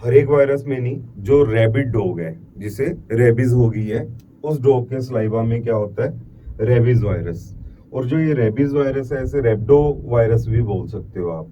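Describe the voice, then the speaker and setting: A man's voice: medium pitch, moderate pace, dark tone, muffled recording. A middle-aged man with an Indian accent giving a classroom biology lecture, dropping in English terms, repeating key words and asking and answering his own questions. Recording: distant mic with faint background noise.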